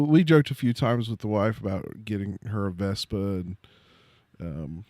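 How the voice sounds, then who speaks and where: A man chatting casually on a live stream, rambling and halting as he talks. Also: lowish voice, a little mellow, no echo, clean studio sound. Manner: rambling, halting, many fillers and restarts. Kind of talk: casual chat.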